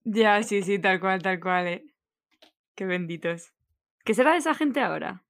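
Slangy woman chatting on a podcast. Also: medium pitch. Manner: chatty, slangy, quick interjections. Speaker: podcast co-host. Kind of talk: casual podcast chat.

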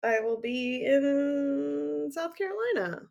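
A woman co-hosting a podcast, chatting casually, answering in short relaxed replies and laughing easily. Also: sits high, takes it slowly, gravelly, dull audio. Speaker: podcast co-host. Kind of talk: casual chat.

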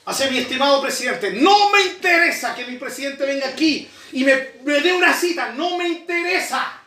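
A man preaching a sermon to his congregation, emphatic, with sudden shouts and slow repeated lines. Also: very high voice, lively intonation, roomy sound. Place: church.

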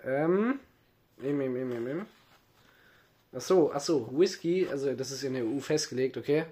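A man's voice: mid-range voice, lively intonation, fairly quick, mellow. A man co-hosting a casual podcast chat, explaining facts in an agreeable, filler-heavy way. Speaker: podcast co-host.

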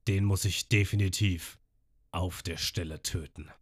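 A man voicing a brutal male fish-man pirate villain in a low, slow, quiet menacing tone. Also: steady tone, dry recording, studio quality.

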